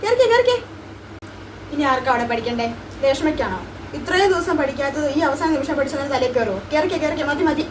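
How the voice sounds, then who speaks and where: A woman's voice: sits high, animated, fast talker, pitched above the performer's own voice. A woman playing a strict, scolding female schoolteacher. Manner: scolding, commanding. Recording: distant mic with noisy room.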